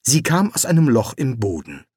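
A narrator reading a fantasy audiobook in measured, expressive storytelling. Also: mid-range voice, slightly rough, dry recording, clean studio sound. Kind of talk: scripted narration.

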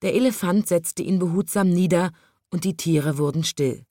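Woman reading a kids story, lively, lowish voice, dry. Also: normal speed, no room sound. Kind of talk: reading a children's story aloud.

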